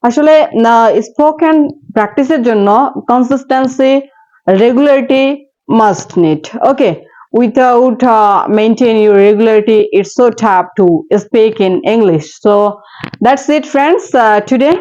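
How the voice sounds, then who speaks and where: Slow-spoken woman teacher. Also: fairly high pitch, warm tone, dull audio. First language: Bengali. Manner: slow careful English, quick Bengali asides, repeats drill words. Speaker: English pronunciation teacher. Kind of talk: online pronunciation lesson with word drills.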